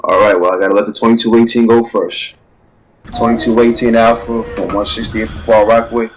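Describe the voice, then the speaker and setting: A man's voice: on the low side, a little fast. A man improvising radio calls as a train dispatcher in a role-play, repeating himself when flustered. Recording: very noisy channel, steady vehicle-like hum.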